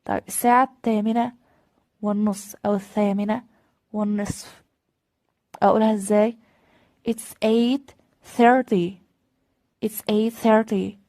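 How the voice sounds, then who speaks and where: A woman with an Egyptian Arabic accent teaching a beginner language lesson, quick in her explanations and slow and drawn out on the model phrases. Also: medium pitch, fairly even intonation, a little mellow, dry recording, clean studio sound. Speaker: English teacher.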